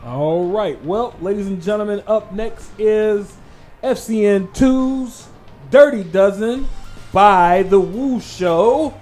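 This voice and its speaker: A man's voice: high-pitched, darkish tone. Guy host hyping it up like a ring announcer, stretched words, music behind. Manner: hyped, drawn-out ring-announcer delivery. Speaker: podcast host. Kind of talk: show announcing.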